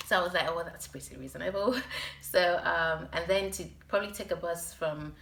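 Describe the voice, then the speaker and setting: A woman's voice: lowish voice, brisk, vocal fry, fairly bright tone. Young woman vlogger with a sore-throat voice. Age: young adult. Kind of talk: casual personal storytime to camera.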